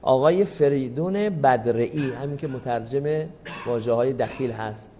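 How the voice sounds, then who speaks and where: A man giving a classroom lecture in a measured, explanatory way, politely addressing the audience and answering their questions. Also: mid-range voice, dark tone, dull audio, slight background noise.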